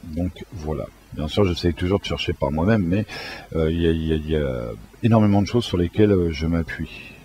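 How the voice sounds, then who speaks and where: A man walking through a software tutorial in a casual, hesitant way, with many fillers and restarts. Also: sits low, brisk, husky. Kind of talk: casual screen-recorded tutorial.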